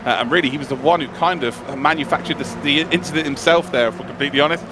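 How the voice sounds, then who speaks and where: A man's voice: on the high side, quick pace, noisy background. A man giving live motorsport commentary on esports sim racing, analysing in a conversational, enthusiastic way.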